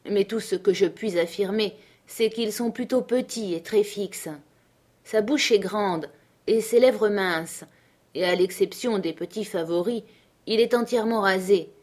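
A woman narrating a classic novel as an audiobook in a measured, clear reading. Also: medium pitch, darkish tone.

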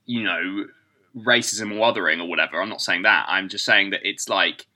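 A man co-hosting a casual political comedy podcast, talking in quick, sarcastic bursts and giggling often. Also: low-pitched, pushed and bright. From southern England. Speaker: podcast co-host.

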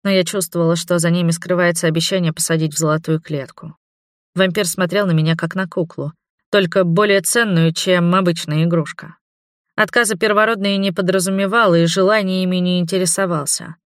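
A man narrating a fantasy audiobook in the first person, in an expressive, dramatic way. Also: sits high, fairly quick, no room sound, studio quality.

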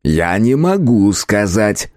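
A man's voice: fairly low pitch, sing-song, a little mellow, no room sound, clean studio sound. A man voicing a timid, stammering shopkeeper. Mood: fearful. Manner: slow, polite, stammering when scared. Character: timid frightened male alchemist shopkeeper.

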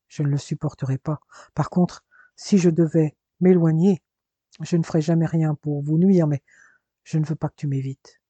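A man voicing a lovesick, sorrowful young man, subdued and pleading, with a husky voice. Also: fairly high pitch, steady tone, moderate pace, warm tone, no echo, muffled recording.

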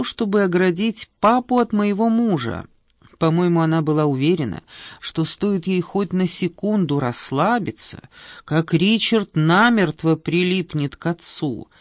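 A woman reading an audiobook, voicing a sharp-tongued, irritable middle-aged Englishwoman who speaks wryly and with exasperation. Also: on the low side, no echo, studio quality, close to an everyday voice. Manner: wry, exasperated.

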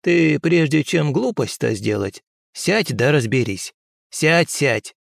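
A man's voice: a little high, animated, takes it slowly, gravelly, no echo, clean studio sound, pitched above the performer's own voice, full character voice. A man voicing a shrewd, bossy old village wise woman with a folksy, scolding manner. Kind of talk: audiobook character voice.

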